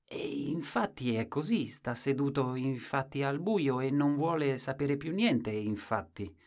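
A man's voice: medium pitch, expressive, a little slow, darkish tone, voice pushed up. A man voicing a puzzled storybook wife. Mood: resigned.

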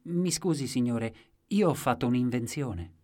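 A man's voice: mid-range voice, normal speed, pitched above the performer's own voice, lightly acted. A man voicing an eager, out-of-touch male inventor who keeps blurting out his news in a story reading. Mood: eager, exclaiming. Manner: excited, blurting exclamations.

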